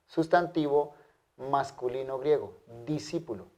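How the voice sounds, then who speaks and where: A man teaching a language lesson, modeling pronunciation carefully and repeating words slowly for his students. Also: medium pitch, a little mellow. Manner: careful, drawn-out pronunciation drills. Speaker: Greek teacher. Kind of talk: slow, deliberate language lesson.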